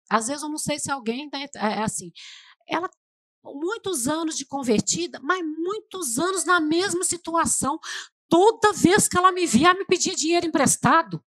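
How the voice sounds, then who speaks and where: A woman's voice: high-pitched, bright, forceful tone, no room sound. A middle-aged woman with a Brazilian accent, preaching an emotional testimonial sermon in church and often calling out to the congregation. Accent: Brazilian Portuguese. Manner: emotional, conversational, addresses audience as "gente".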